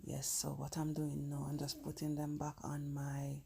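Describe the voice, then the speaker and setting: A woman's voice: sits low, monotone, moderate pace, gravelly. A woman with a Jamaican accent casually narrating each cooking step as she works, repeating herself as she explains. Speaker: home cooking vlogger. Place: indoor home kitchen at counter and sink. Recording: noisy home kitchen recording with handling sounds.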